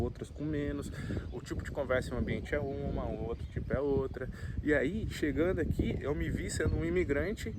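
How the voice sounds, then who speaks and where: A man in his late twenties with a Brazilian Portuguese accent, talking to the camera in a relaxed, slangy, reflective way. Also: mid-range voice, background noise. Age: late 20s. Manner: laid-back slangy talk, frequent filler tags. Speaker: vlogger. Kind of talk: casual reflective monologue. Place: outdoors at a campsite.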